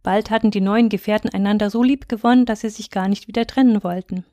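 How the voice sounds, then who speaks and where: Woman calmly reading a fairy tale. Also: mid-range voice, quick pace, no echo. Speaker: reader. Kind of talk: scripted fairy tale narration.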